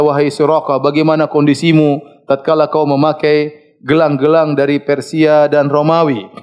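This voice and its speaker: A man with a slightly raised voice gives a religious study lecture. He tells the story with animated energy and frequent chuckles. He pauses now and then to search for the right word. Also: on the high side. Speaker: Islamic preacher.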